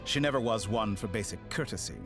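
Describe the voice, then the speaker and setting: An actor playing a suave, smug villain scientist in a video game, with drawn-out, mock-polite theatrical delivery. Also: male voice, lowish voice, lightly acted. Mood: smug, disdainful. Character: suave, smug male villain scientist greeting captured intruders. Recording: loud game music underneath.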